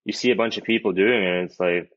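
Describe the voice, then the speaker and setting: A man's voice: fairly low pitch, fairly even intonation, fast. A man in his twenties, a hockey player guest, chatting in a laid-back, rambling way full of "like" and "you know". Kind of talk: casual interview chat. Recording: dull, lo-fi audio.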